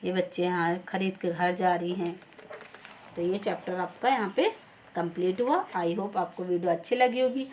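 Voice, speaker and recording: Patient Hindi teacher woman explaining slowly. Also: lowish voice, steady tone, a little mellow, a little hiss or hum. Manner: patient, step-by-step, repeats "ठीक है". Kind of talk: explaining a school lesson.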